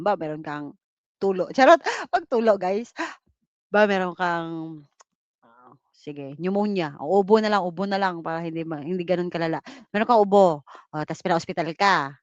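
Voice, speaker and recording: A woman from the Philippines giving a live online review lecture, mixing English terms into her talk and tossing in teasing jokes and quick "just kidding" asides. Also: medium pitch, no room sound. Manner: playful, cracks teasing jokes and "charot" asides; mixes English terms into Tagalog. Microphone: computer mic on a livestream.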